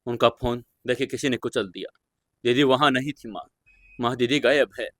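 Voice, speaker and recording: A man's voice: mid-range voice, a bit bright, no room sound, clean studio sound, natural voice. A man playing a sobbing young brother. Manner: breathless, halting. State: crying. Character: sobbing young male college student, panicked brother.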